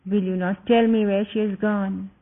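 A man voicing an anguished, passionate young prince who cries out his words loudly, heard through a tinny phone-like recording. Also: high voice, level tone, moderate pace. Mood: grieving. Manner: impassioned, loud exclamations.

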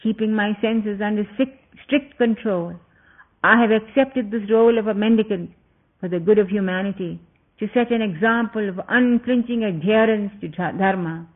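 A man voicing an anguished, passionate young prince who cries out his words loudly, heard through a tinny phone-like recording. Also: high voice, normal speed. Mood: wrathful. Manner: impassioned, loud exclamations.

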